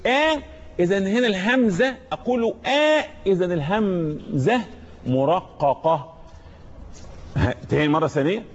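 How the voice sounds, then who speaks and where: A man with an Egyptian Arabic accent teaching Quran recitation, patiently explaining letters one by one and chanting verses slowly for students to repeat. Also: sits high, a little mellow. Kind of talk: tajweed lesson with call-and-repeat recitation. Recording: dull lo-fi recording.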